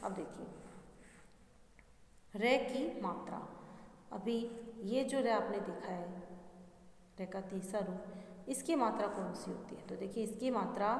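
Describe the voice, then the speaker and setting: A woman teaching a Hindi grammar lesson to young children, speaking patiently, repeating words slowly and asking questions as she explains. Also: mid-range voice, darkish tone. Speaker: primary school Hindi teacher. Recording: echoey room with long reverb.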